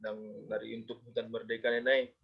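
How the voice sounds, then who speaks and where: A man joining a meeting remotely, asking short halting questions over choppy, cutting-out call audio. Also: medium pitch, level tone, creaky, husky. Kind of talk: casual meeting talk. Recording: muffled, distant online call.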